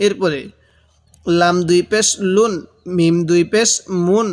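High-voiced man teaching letter sounds. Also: steady tone, unhurried, darkish tone. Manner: drills letters aloud with repetition, asks viewers to repeat. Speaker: Quran reading teacher. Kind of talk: slow step-by-step recitation lesson.

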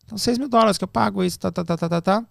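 A middle-aged Brazilian man telling stories in a casual podcast chat, animated and acting out quoted dialogue. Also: sits high, very fast, vocal fry, no echo, studio quality. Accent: Brazilian Portuguese. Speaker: podcast guest. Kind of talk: casual storytelling.

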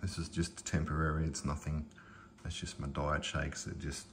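A man's voice: a bass voice, little pitch movement, normal speed, noisy background. A man casually showing his kitchen and pantry on a handheld phone, rambling with lots of fillers and restarts. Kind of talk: casual home tour, filmed on phone. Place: home kitchen and pantry, indoors. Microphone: handheld phone camera.

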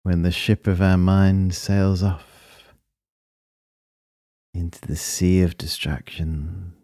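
A deep-voiced man guides a breathing meditation at an unhurried pace, calm and soothing, using short phrases separated by long pauses. The recording is studio quality with no echo.

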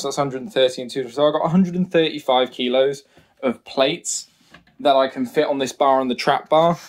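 A young man in his twenties chats casually while walking a handheld camera around a small bedroom. His talk is loose and self-deprecating, full of quick asides, with an ordinary middle pitch. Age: 20s. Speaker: strongman vlogger. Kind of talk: casual home gym tour. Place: small university bedroom, indoors. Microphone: handheld camera, phone at arm's length.

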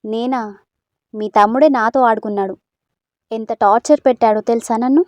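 A woman voicing a feisty, sharp-tongued young woman who talks in quick exclamations in a storybook. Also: fairly high pitch, steady tone, no room sound, lightly acted. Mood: defensive.

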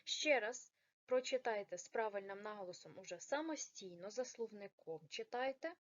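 A woman teaching a recorded primary school lesson for children, slowing down to stress each word carefully. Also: medium pitch, lively intonation, dull audio. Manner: slow, exaggerated stress on words.

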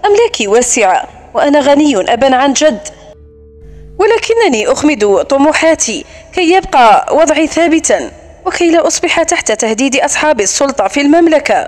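A woman's voice: sits high, expressive, brisk, faint music behind. A woman voicing a proud widowed nobleman near forty, talking in a cool, condescending, lecturing way in a storybook reading.

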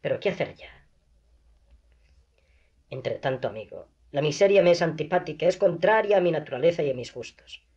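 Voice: medium pitch, lively intonation, moderate pace, pauses often, darkish tone. A reader voicing Isidora, a desperate proud young woman. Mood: agitated. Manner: pleading, agitated. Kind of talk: audiobook reading. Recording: dull lo-fi recording.

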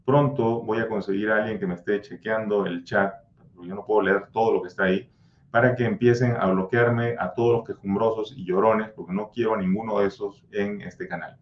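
A man's voice: fairly low pitch, steady tone, fairly quick. A man hosting a livestream about anxiety, answering viewer comments in a blunt, scolding, insistent way and drilling repeated mantras. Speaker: anxiety coach and channel host. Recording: roomy, slightly dull sound.

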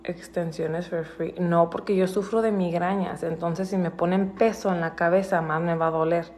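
A woman's voice: lowish voice, fairly even intonation, moderate pace, a little mellow, slight background noise. A woman, chatting casually on a livestream. She mixes with English, swears freely and sounds indignant. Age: adult with a school-age daughter. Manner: switches between Spanish and English, swears, indignant.

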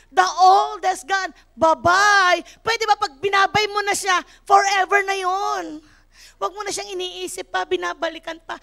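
A woman pastor in her fifties from the Philippines, preaching a sermon in a church with animated storytelling and English phrases mixed in. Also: extremely high pitch.

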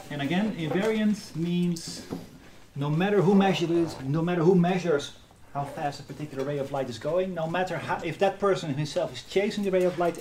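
A middle-aged university lecturer giving a live physics lecture in a hall, lively and often checking in with the class. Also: male voice, a little high. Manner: lively, asks the class questions.

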